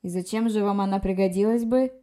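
A woman voicing a proud young male dragon in human form who speaks slowly and growls with restrained anger. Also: medium pitch, warm tone, natural voice. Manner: slow, measured, growling.

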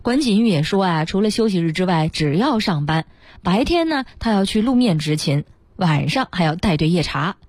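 A woman's voice: on the low side, lively intonation, darkish tone, dry recording. A female radio co-host, retelling a news item and chatting with her partner in a studio. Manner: brisk backchannels, reads news items smoothly.

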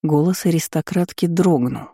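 Dark-toned woman narrating a story. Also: sits low, normal speed, dry recording, clean studio sound. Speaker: audiobook narrator. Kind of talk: expressive audiobook narration.

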